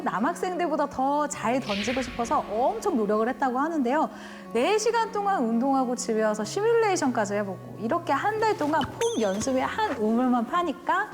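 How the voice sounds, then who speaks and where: Chatty woman film reporter, high voice that bounces around, music under her. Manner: lively, chatty, playful. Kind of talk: casual film talk show chat.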